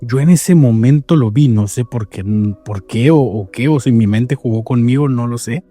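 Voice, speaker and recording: A man with a Mexican accent telling paranormal stories in a casual podcast chat, animated and rambling with many restarts. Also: mid-range voice, moderate pace.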